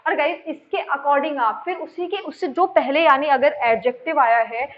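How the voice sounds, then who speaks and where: A woman's voice: high voice, moderate pace. A woman teacher explaining grammar in a lesson, repeating points and quizzing her students with questions. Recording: dull lo-fi sound.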